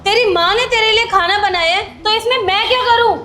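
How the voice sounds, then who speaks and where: A woman's voice: very high-pitched, normal speed. A woman playing a rich wife who scolds a guard and later apologises, in a short melodrama. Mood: scornful. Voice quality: sharp and scolding, then soft and ashamed. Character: arrogant rich wife who turns remorseful. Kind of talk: amateur short-film acting.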